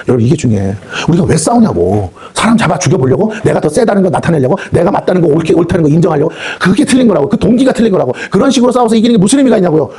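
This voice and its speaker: Man preaching a revival sermon at a prayer house, husky higher voice, talks super fast, gets shouty. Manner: rapid, rising to shouted rebukes. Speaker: pastor. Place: prayer house meeting hall.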